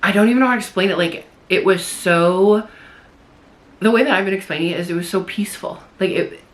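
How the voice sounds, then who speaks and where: A young beauty vlogger rambles while doing her makeup, her speech full of "likes" and restarts, and at moments she grows tearful. Her voice is medium-pitched and a little fast.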